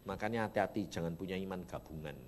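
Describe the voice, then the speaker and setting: A middle-aged man preaching a sermon, telling a story, dropping to soft murmurs and then bursting out loudly. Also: sits low, fast talker, slight background noise. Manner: swings from soft murmurs to sudden loud emotional bursts. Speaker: evangelist preacher.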